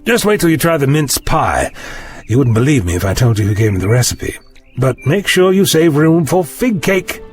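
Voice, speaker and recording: Man acting eccentric, excitable time-travelling doctor, swooping delivery. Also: medium pitch, moderate pace, faint music behind, close to an everyday voice. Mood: cheerful. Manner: whimsical, wordy, excitable. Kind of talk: scripted audio drama acting.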